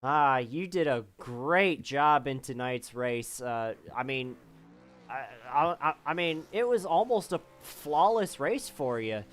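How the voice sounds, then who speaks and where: A man with a slightly high voice, hosting an online racing broadcast. He interviews drivers casually, halting often and leaning on fillers. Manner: relaxed, halting, many fillers.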